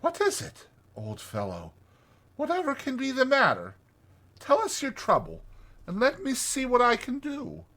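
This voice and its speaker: Man doing a kindly, high-pitched storybook rat gentleman. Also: huge pitch swings, unhurried, heavily acted. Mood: gentle concern. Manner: solicitous, old-fashioned chummy address. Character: kindly, chummy, gentlemanly male water rat. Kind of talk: dramatized storybook reading.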